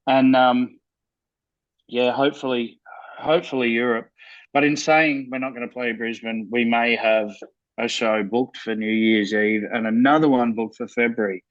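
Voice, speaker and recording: A man's voice: mid-range voice, fairly even intonation, normal speed, highs cut off. A man talking casually about his band over a video call, enthusiastic, repeating words and using many fillers. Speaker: band member guest.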